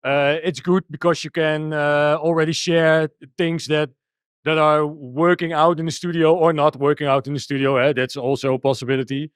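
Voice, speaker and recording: A man's voice: on the high side, flat delivery, normal speed, smooth, no room sound. A Dutch man with a Dutch accent, a techno DJ and producer answering interview questions in a hesitant way with many restarts. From Netherlands. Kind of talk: casual interview.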